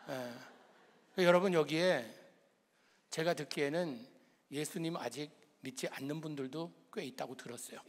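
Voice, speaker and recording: A male pastor preaching in a slightly high voice, which trails off in the long reverb of a church sanctuary. He talks to the congregation in a conversational way. He uses rhetorical questions and touches of humor. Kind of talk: sermon.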